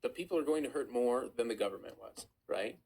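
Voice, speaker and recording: A man hosting a live call-in stream, talking quickly in casual chat. His voice is slightly husky, and he keeps nodding along to callers with quick agreement. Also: medium pitch, darkish tone. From Iranian-American. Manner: fast, conversational, affirming callers.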